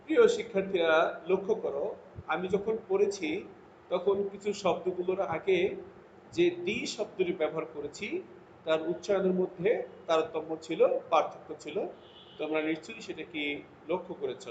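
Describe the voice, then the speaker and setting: A man teaching an English grammar lesson to students, reading his English example sentences out slowly and deliberately between his explanations. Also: high-pitched. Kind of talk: recorded classroom lesson. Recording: lo-fi echoey room with faint noise.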